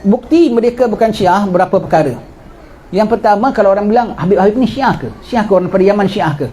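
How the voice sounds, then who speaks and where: A middle-aged man delivers a religious lecture at a quick clip, his voice pitched high for a man yet dark and mellow in tone. He tells the story in a lively way and keeps asking questions that he answers himself. A faint hum of room noise sits behind him.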